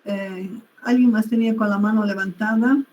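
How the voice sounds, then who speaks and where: A woman teacher leading an online class, putting questions to students and stopping to correct how terms are used. Her pitch is middling for a woman, with faint noise behind her. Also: fairly even intonation, normal speed, a little mellow, muffled recording.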